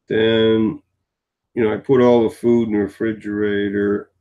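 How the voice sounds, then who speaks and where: A tired man in his sixties, fairly low-pitched and flat, speaks at a measured pace through narrow, tinny audio. He's a vlogger rambling casually, wandering through his story with plenty of fillers.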